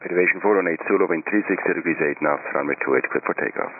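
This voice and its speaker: Male air traffic controller, deep and brisk, clipped procedural delivery over thin air traffic control radio. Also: no echo. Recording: narrow, hissy VHF radio transmission.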